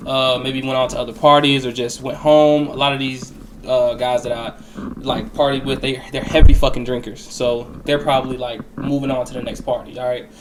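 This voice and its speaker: A man's voice: mid-range voice, little pitch movement, moderate pace, noisy background. A young man telling a personal story in a casual, rambling way, with plenty of slang and swearing. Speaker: storyteller recounting a personal experience.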